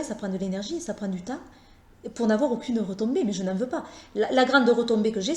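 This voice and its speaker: A woman with a Southern French accent talking casually to her viewers, hesitant and halting, with many fillers and restarts. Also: mid-range voice, a little mellow, roomy sound. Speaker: tarot YouTuber. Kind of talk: casual vlog talk.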